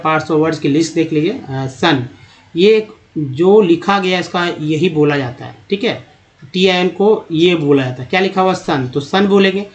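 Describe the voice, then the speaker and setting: A man teaching English pronunciation in Hindi, slowly sounding out words one by one over slides. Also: a little high, lo-fi sound.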